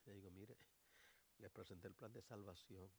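A man, a pastor, preaching a sermon in a church, moving between quiet storytelling and loud exhortation. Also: fairly even intonation, moderate pace, creaky, a little hiss or hum. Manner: swings from low murmur to shouted exhortation. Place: church sanctuary.

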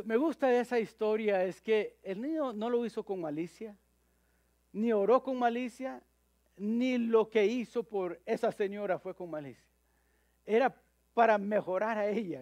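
High-voiced man preaching a sermon. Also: darkish tone, dry recording. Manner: halting, with frequent repeated words and fillers.

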